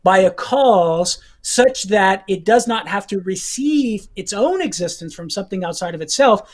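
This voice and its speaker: A man teaching philosophy in a measured way, repeating phrases and checking in with his listeners, with an occasional cough. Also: high voice, expressive. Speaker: guest teacher. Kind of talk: explaining philosophy to hosts.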